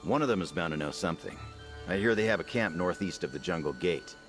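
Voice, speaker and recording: Cheeky sneaky thief from a game, low voice that swoops around, music behind. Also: male voice, animated, fast talker, fairly bright tone. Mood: brisk, instructing. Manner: playful, conspiratorial. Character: sly, cheeky male thief and spy in disguise. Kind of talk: video game character dialogue.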